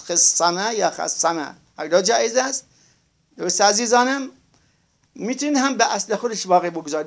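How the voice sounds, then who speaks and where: A man teaching a grammar lesson to a class. His voice sits high and carries a gravelly edge, and he stretches out each word he spells while checking that his students follow along. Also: fairly bright tone. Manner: slow, drawn-out spelling of words, asks class to confirm.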